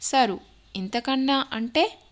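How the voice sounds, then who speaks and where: A woman's voice: high voice, lively intonation, slow pace, pitched above the performer's own voice. A woman voicing a young woman teasing her fiancé in an audio story, coy and playful.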